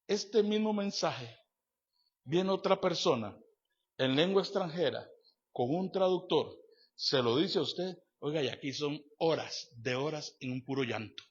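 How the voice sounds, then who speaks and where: A man preaching a sermon as pastor, emphatic and repetitive, swinging between loud declarations and quiet asides, speaking straight to the congregation with rhetorical questions. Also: a little high, lively intonation, unhurried, breathy edge. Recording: dull lo-fi church sermon recording.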